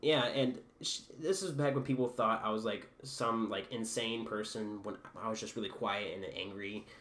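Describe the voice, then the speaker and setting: A man's voice: on the low side, moderate pace, a bit bright. A teenage boy hosting a podcast, telling rambling, profane stories in a casual chat and laughing at his own jokes. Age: teens. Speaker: podcast host. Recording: echoey room with faint background hum.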